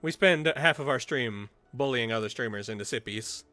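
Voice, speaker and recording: A man's voice: medium pitch, normal speed, sharp tone, soft background music. A man streaming a game live, chatting playfully with his chat, swearing and joking at himself. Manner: playful, self-mocking, swearing, greets chat. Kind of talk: casual live gameplay chat.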